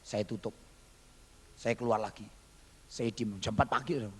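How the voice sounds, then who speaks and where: A man's voice: on the low side, steady tone, normal speed, a bit bright, breathy edge, in a large hall. A male pastor telling a testimony in a sermon, animatedly acting out the voices he quotes.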